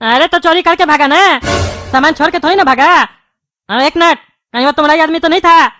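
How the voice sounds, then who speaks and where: A woman's voice: high voice, quick pace, bright, forceful tone, no echo, studio quality, soft background music. A woman voicing a quarrelsome bald male politician in a cartoon, speaking in a scolding, name-calling manner. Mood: taunting. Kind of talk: cartoon dubbing.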